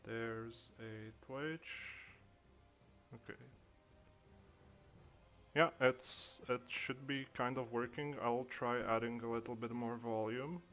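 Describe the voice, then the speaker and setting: A man's voice: mid-range voice, steady tone, slow pace, long pauses, fairly bright tone. A young man from the Czech Republic with a Czech accent, chatting hesitantly on a livestream and thinking aloud with many fillers. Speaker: streamer. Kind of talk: casual livestream chat. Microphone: desk microphone being adjusted in streaming software.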